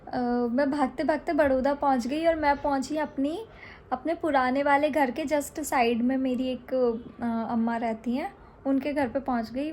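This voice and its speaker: A young woman from India recounting a dream in a chatty, halting way, with many fillers and restarts. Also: high-pitched, a little mellow, slight background noise. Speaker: storyteller. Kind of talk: casual storytelling.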